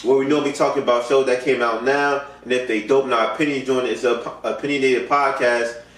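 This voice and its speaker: A man's voice: mid-range voice, fairly even intonation, a little fast, fairly bright tone. Male podcast host, easygoing and slangy, heard in an echoey room away from the mic. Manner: loose, laid-back slang with constant "you know what I'm saying". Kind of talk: casual podcast chat. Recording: roomy echo, mic far off.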